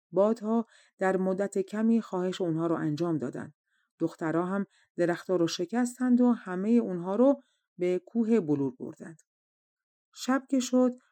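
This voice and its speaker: A woman narrating a folk tale for an audiobook in a steady, measured storytelling manner. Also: on the low side, no echo. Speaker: audiobook reader.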